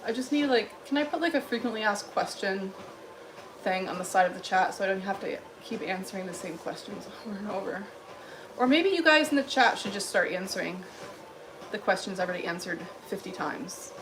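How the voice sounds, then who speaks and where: A woman's voice: medium pitch, animated, fairly quick, background noise. A woman from Illinois hosting a casual livestream, reading chat comments in a blunt, dry, dismissive way while walking on a treadmill.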